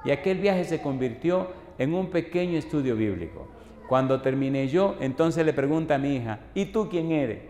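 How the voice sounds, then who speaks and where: A man's voice: medium pitch, moderate pace, dark tone. A male pastor preaching a sermon, telling a story and rising to fervent appeals. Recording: echoey hall with faint noise.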